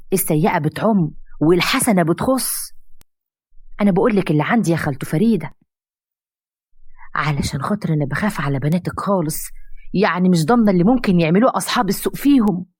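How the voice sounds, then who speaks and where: A woman's voice: on the low side, fast, long pauses, a little mellow, slightly rough, no echo, studio quality. A woman voicing a preachy, know-it-all young niece in an Egyptian Arabic storybook tale. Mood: lecturing.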